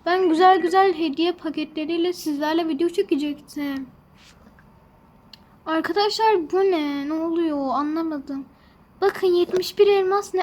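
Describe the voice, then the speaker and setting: A woman's voice: very high-pitched, a little mellow. A woman hosting a gaming channel, talking to her viewers in a fretful, rambling way as she plays. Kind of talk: casual gameplay commentary.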